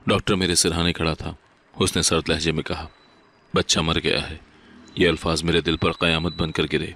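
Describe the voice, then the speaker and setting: A man reading a sad first-person moral story as scripted narration, steady and solemn. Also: low voice.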